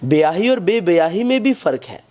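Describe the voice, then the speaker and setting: Guy with a slightly high voice reading a bible lesson, steady and measured. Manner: measured, even reading with scripture quotations. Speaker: Bible study narrator. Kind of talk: scripted Bible lesson narration.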